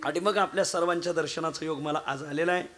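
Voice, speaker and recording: A hoarse man with a fairly high voice preaches a devotional kirtan to a village crowd. His delivery is folksy and full of jokes aimed straight at his listeners. Faint instrumental music sits behind his voice. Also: quick pace. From Maharashtra. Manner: folksy, joking, addresses the audience directly. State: hoarse from three kirtans the day before. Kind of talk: devotional kirtan sermon with humor. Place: village gathering with harmonium and mridang accompaniment.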